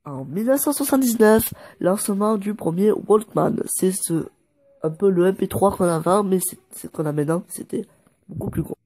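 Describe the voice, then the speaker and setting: Man, casual fact video, husky, mellow tone, trips over numbers and corrects himself. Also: high-pitched, moderate pace, no room sound. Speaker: YouTuber presenting facts. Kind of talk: casual video presentation of facts.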